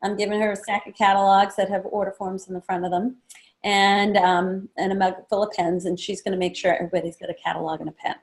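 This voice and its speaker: A woman running a sales training session, casual and chatty, acting out guest conversations in a livelier voice. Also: fast. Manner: acts out guest chats in a lively higher voice; casual, chatty, many fillers. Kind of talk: training talk to a small group.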